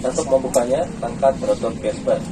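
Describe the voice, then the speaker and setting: A man's voice: medium pitch, fairly quick. A man with an Indonesian accent, a flight attendant reading a scripted safety announcement in a formal, recited way. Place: inside an airliner cabin. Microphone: cabin PA recorded from passenger seat. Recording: distant cabin PA, loud aircraft noise. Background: steady aircraft cabin noise.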